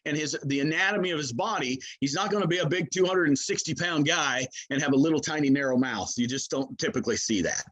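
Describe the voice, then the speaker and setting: A man's voice: a little high, fast, hardly any pauses, fairly bright tone, low-quality recording. Man casually explaining products, folksy and hesitant. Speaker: game call maker, product expert.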